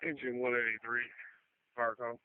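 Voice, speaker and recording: A man's voice: medium pitch, little pitch movement, normal speed, clean tone, no room sound. Male firefighter, terse businesslike check-ins, tinny dry police-style radio. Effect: police-style dispatch radio. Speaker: fire engine crew member. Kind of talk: radio traffic. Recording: tinny radio scanner audio.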